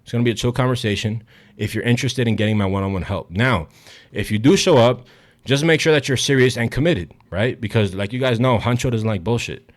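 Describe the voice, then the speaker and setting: Somewhat breathless, a young man delivers direct-to-camera fitness coaching with hype, bluntness and lots of profanity. His voice is mid-range and his pace a little quick.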